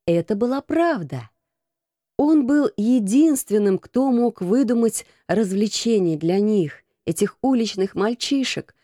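A woman narrating a children's novel as an audiobook, in a steady, expressive reading. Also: medium pitch, dry recording, studio quality. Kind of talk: scripted narration.

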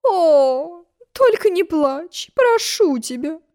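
A fussy, tearful old storybook queen, played by a woman reader, with a very high, shrill voice that swings wildly up and down. She wails and shrieks, then drops into coaxing lament. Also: very animated, takes it slowly, darkish tone, exaggerated voice. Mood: mournful.

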